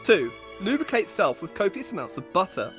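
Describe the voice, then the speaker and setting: Like a storyteller, a woman delivers a comic dramatic reading of scripted tales she wrote herself, playfully mock-solemn, with faint music behind her. Her voice sits at medium pitch, and she speaks in a sing-song way at a slightly fast pace.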